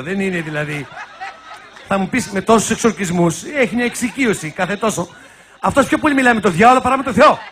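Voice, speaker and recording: A man's voice: high-pitched, fairly bright tone, slight background noise. A man hosting a satirical show, giving sarcastic, teasing comic commentary.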